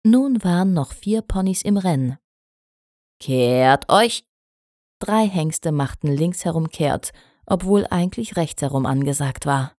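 A woman reading a German storybook aloud in a calm, even storytelling manner. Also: lowish voice, normal speed, dry recording, studio quality. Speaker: audiobook narrator.

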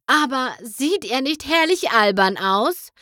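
Discord, a mischievous male chaos creature put on by a woman reading a storybook, sounds smug and gleeful as he teases and plays innocent. His voice swings up and down with a lively lilt, and he takes his time over every word. The sound is close and dry. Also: sits high, takes it slowly, no echo, pitched above the performer's own voice, heavily acted. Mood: smug teasing.

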